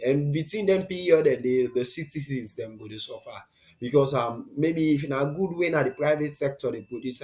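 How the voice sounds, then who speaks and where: A man's voice: medium pitch, darkish tone. A man with a Sierra Leonean accent, teaching an informal online lesson in West African Krio-style pidgin English. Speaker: teacher and presenter of an online class.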